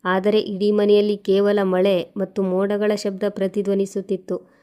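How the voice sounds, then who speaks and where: Brief: female storyteller, mellow voice with a smooth, clear tone, steady scripted narration. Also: mid-range voice, normal speed.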